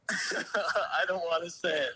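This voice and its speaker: Man, heard over a speakerphone, bright tone, halting delivery, phone call from a subway station. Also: high-pitched, slightly rough. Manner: halting, keeps asking to hold on.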